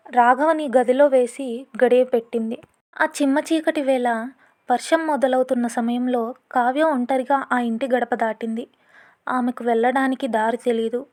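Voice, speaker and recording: A woman narrating a dramatic audio story in a steady, scripted reading. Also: fairly high pitch.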